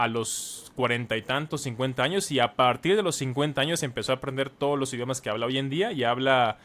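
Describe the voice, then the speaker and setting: A Spanish-speaking man in his thirties, a language teacher and author, appears as a guest on a casual podcast. His mid-range voice is slightly bright, and he explains things at length, using lots of examples.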